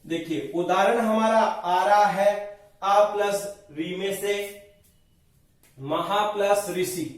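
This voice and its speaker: A man's voice: high-pitched, takes it slowly. A man teaching Sanskrit grammar in a lecture, explaining step by step and asking and answering his own questions. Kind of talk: classroom lecture at a board. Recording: very echoey room, mic far off.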